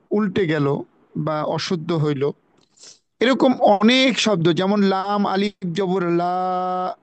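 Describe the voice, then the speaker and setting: Man, high register, patient teacher of a religious lesson on a video call, repeats key points, dry close sound. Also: no echo. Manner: explanatory, repeats key phrases, recites Arabic. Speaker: religious study speaker. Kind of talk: religious lesson on Quran pronunciation.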